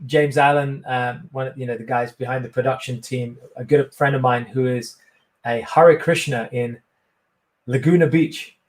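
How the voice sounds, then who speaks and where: A man's voice: medium pitch, fairly even intonation, moderate pace. A middle-aged man, a coach giving an interview and telling his story in a rambling, enthusiastic way. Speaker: guest, coach. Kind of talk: casual interview talk.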